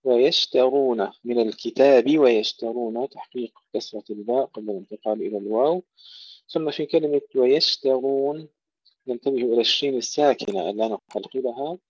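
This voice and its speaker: Male Quran recitation teacher: slow chanted verses, careful word drills, dull dry recording. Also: mid-range voice, no room sound. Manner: recites verses slowly, then explains pronunciation rules; repeats words to contrast right and wrong pronunciation. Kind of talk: tajweed lesson with recitation.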